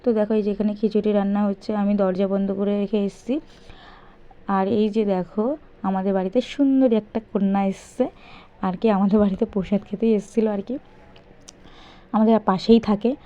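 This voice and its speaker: A woman's voice: mid-range voice, fairly even intonation, moderate pace, mellow. A young woman vlogging in a casual, chatty way, repeatedly talking straight to her viewers. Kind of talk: casual vlog narration. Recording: dull lo-fi sound.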